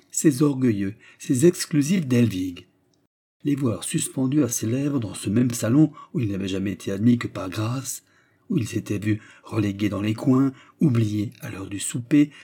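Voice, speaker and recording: A man narrating a novel in measured, scripted storytelling. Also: fairly low pitch, dark tone, slightly rough. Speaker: audiobook narrator.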